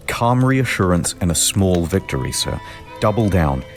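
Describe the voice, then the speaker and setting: A man voicing a polite, measured pirate officer who speaks formally, over background music. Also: sits low, very animated, pitched below the performer's own voice, exaggerated voice. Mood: calm. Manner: polite and measured, says "sir". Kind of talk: comedic history video voice acting.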